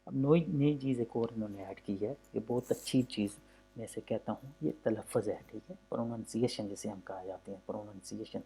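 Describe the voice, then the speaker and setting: Male language teacher, gravelly and mellow, patient and repetitive. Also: on the low side. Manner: patient, repetitive, often says "okay" between points; drawn-out demonstrations of vowel sounds. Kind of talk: explaining a textbook lesson.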